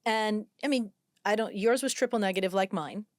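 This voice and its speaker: A woman hosting a podcast interview, speaking calmly and evenly and adding supportive comments. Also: mid-range voice, a little fast, no room sound, clean studio sound. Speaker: podcast host. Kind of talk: interview conversation.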